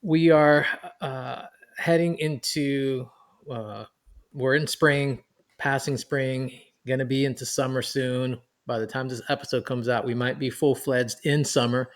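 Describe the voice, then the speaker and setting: Podcast co-host: a New York-born man in his forties, chatty, easygoing, mid-pitched. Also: measured pace. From New York City. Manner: chatty, animated, laughing as he reminisces. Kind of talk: podcast conversation.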